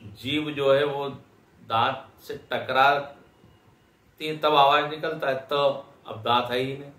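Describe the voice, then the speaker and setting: A man teaches a lecture class at a slow, unhurried pace. He explains patiently and sounds out each syllable one by one. His voice rings in an echoey lecture hall. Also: mid-range voice, steady tone, pushed and bright. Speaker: Vedanta teacher.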